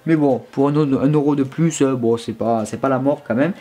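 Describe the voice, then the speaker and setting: A man's voice: mid-range voice, moderate pace, warm tone. A young man giving a casual product review from his bedroom, chatty and informal with many fillers and restarts. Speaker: tech reviewer.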